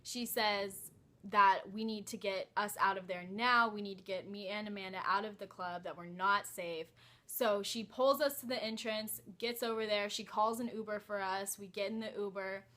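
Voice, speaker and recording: A woman's voice: mid-range voice, steady tone, normal speed, pushed and bright. A young woman telling a personal story in a casual vlog, hesitant and full of "like" and "um". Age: young adult. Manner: hesitant, many "like" and "um" fillers. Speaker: vlogger.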